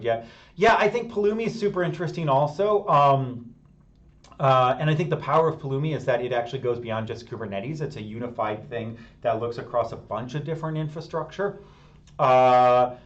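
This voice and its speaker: Chatty man explaining tech on a dull stream. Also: medium pitch. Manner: thinks aloud with frequent fillers and restarts, reads chat. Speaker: host of a live technical stream. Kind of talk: casual live-stream explanation. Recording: slightly dull lo-fi stream audio.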